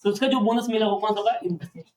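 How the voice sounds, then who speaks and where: A male accounting teacher lecturing a classroom, often pausing to ask students questions to check they follow. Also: sits high, fairly even intonation, recorded from a distance, slight background noise.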